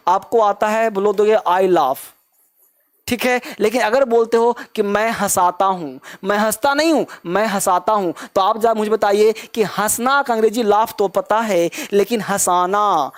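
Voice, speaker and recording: A man's voice: high-pitched, normal speed. Hindi-speaking male English teacher drilling pupils. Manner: drills students with repeated questions; calls listeners "beta", fatherly. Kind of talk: spoken English class lecture.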